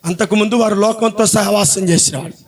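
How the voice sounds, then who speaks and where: A pastor delivers a sermon in a high, steady, fairly quick voice. He leans on rhetorical questions and repeated phrases that build into shouted, sung-out climaxes.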